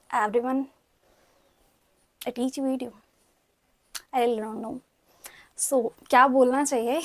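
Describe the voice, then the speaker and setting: High-voiced chatty Indian woman teaching. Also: a little mellow. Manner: chatty, mixes Hindi with English, coaxes viewers to repeat words. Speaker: language teacher. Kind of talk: casual online lecture.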